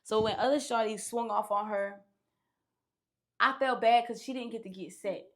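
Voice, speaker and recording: A woman's voice: a little high, moderate pace. A woman guest on a podcast, casually telling a long story with profanity and acted-out quotes. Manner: animated, profane, acts out quotes.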